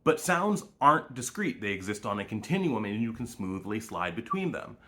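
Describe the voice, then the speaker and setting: A man's voice: on the low side, very animated, normal speed, fairly bright tone. A man with a Canadian accent, explaining speech sounds and demonstrating vowels in a short educational video. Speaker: language educator.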